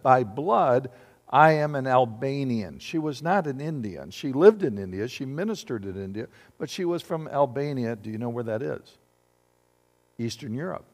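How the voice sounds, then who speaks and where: A man's voice: medium pitch, a little mellow. A man preaching a sermon to his congregation, often putting questions to them and asking them to answer aloud. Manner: asks the congregation questions and calls for responses. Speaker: pastor. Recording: long hall reverb.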